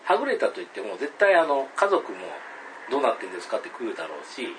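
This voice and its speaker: Man telling a spooky tale, lively pitch. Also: slight background noise, rough recording. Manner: hesitant, many fillers, dramatic pauses; acts out calls and voices loudly. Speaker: storyteller. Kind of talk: telling a spooky story to a listener.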